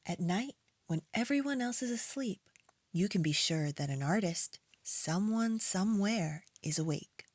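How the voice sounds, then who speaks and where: A woman reading aloud to young children as a preschool storytime host, in an expressive storytime voice. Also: mid-range voice, no room sound. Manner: storytime voice, slow and expressive with acted animal and object sounds.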